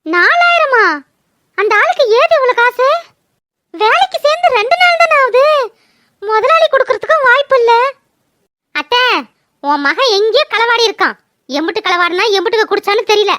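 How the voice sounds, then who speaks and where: A woman voicing a young wife in a cartoon, bitter and sharp-tongued about her drunkard husband. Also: very high voice, expressive, moderate pace, pauses often, exaggerated voice. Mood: alarmed. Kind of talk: cartoon voice acting.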